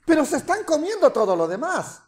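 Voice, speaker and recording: A man preaching a sermon as pastor, animated, with mocking asides and rhetorical questions. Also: very high-pitched, a little fast.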